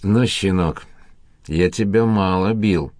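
A man's voice: low voice, lively intonation, moderate pace, a little mellow, no room sound, clean studio sound. A man voicing a bound, bitter middle-aged man accused of murder, speaking in a grating, sneering way.

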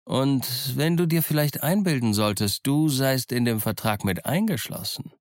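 A man voicing a cunning, genial yet menacing old male pirate in an audiobook, with a gruff, folksy, wheedling way of talking. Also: mid-range voice, expressive, moderate pace, dry recording, natural voice. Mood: gruff, sly. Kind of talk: audiobook character voice. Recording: dry close studio sound.

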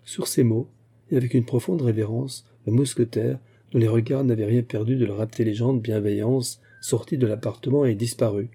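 A man narrating a classic novel aloud in a measured, steady storytelling voice. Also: medium pitch, slightly rough. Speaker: audiobook narrator. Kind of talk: audiobook narration.

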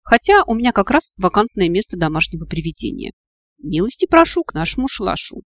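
A man's voice: high-pitched, big pitch swings, a little fast, no echo, highs cut off. A man voicing a sinister male captor who giggles and gloats in a mockingly polite way, in an audiobook. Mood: gloating.

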